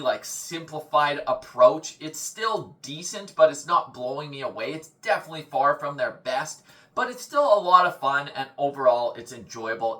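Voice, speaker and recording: Bright-voiced chatty male reviewer. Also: on the high side. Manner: relaxed, chatty, frequent "like" fillers. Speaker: metal album reviewer. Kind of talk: casual review monologue.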